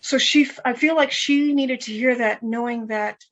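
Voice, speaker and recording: A woman guest telling a personal story in an interview, animated, often repeating herself and acting out what others said. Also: fairly high pitch, normal speed, muffled recording. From Canada. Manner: animated, repeats herself, acts out quoted voices.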